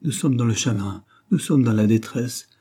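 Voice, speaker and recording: A man's voice: moderate pace, warm tone, slightly rough, lightly acted. A man reading an audiobook, voicing a frantic, ruined middle-aged woman who pleads insistently for help. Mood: desperate pleading. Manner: shrill, hand-wringing, insistent.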